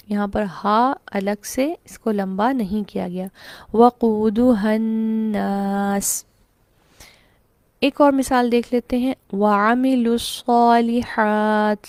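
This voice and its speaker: A woman with a Pakistani Urdu accent and a fairly high, slightly mellow voice teaches an online tajweed lesson on Quran recitation. She explains each rule step by step, asks questions and answers them herself, and recites verses slowly, in a close, dry recording without room sound.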